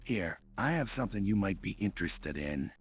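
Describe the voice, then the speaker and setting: A man's voice: deep voice, expressive, moderate pace. A man voicing a good-natured, dry-witted starship engineer in a video game. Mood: dry, friendly. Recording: synth music behind the voice.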